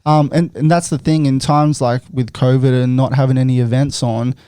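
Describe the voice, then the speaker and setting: A young man hosting a laid-back podcast, his voice smooth and resonant at an ordinary middle pitch. He rambles along with plenty of fillers, and the recording sounds close and dry. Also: fairly even intonation, moderate pace, warm tone, no echo. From Australia. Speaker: podcast host. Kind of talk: casual chat.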